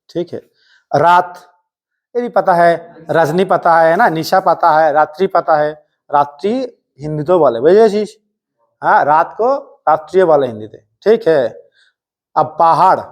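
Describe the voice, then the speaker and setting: A man teaching Hindi vocabulary in a live coaching class, quizzing students with rapid questions and answers and scolding them playfully. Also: a little high. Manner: strict, jokingly threatens students.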